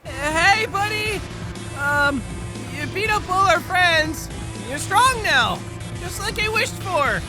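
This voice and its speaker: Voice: very high voice, expressive, slow pace, heavily acted, low-quality recording. An actor voicing a brash, whiny, panicky boy hero in a melodramatic cartoon parody dub, over music. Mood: nervous pleading. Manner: melodramatic, stammering when nervous. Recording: music behind the voice.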